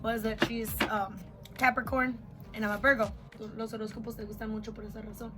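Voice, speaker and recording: A woman's voice: on the high side, flat delivery, quick pace, over music. A woman in her twenties hosting a casual eating video, chatting and switching between English and Spanish. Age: 20s. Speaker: host. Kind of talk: casual chat mukbang.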